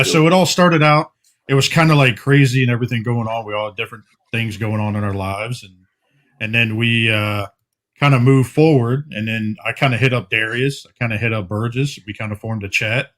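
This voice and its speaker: A man co-hosting a casual podcast, looping through his story with lots of ums and uhs. He laughs easily and talks in an easy, mid-pitched voice. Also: fairly quick, fairly bright tone. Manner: rambling, laughs often, many fillers. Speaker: podcast co-host. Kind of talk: casual chat.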